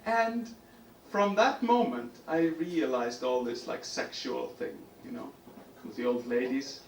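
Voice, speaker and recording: A man with an Icelandic accent, a singer-songwriter telling an animated, self-mocking story on stage at a small cafe concert. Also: mid-range voice, a little slow, gravelly, a little hiss or hum. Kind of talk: stage storytelling between songs. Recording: roomy live venue, distant mic.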